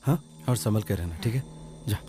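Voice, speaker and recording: A man's voice: on the low side, lively intonation, brisk, background noise, close to an everyday voice. An actor playing a desperate husband who pleads and stammers as he searches for his wife, in a film drama. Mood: urgent. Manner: pleading and stammering, repeating himself.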